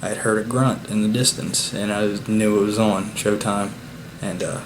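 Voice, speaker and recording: A man hosting a casual hunting vlog, recapping the day at home in a relaxed, unhurried way with plenty of "uh" fillers. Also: fairly low pitch. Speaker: bowhunter and channel host. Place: at home after the hunt. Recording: steady background noise.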